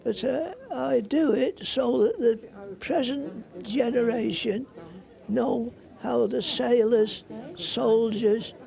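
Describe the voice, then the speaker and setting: Very old man, veteran interviewee, slow gravelly delivery. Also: very high-pitched, dark tone. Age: older.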